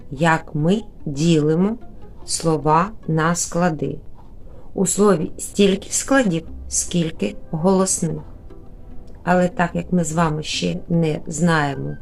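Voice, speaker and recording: A woman teaching young children in a remote lesson, patient and slow, stretching out words syllable by syllable, with a Ukrainian accent. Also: lowish voice, gravelly, darkish tone. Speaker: primary school teacher.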